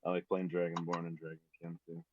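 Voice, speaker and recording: A man's voice: low-pitched, flat delivery, a little fast, a little mellow, a little hiss or hum. A laid-back, agreeable man chatting casually as a player at a tabletop game. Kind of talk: casual chat. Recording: dry, dull lo-fi audio.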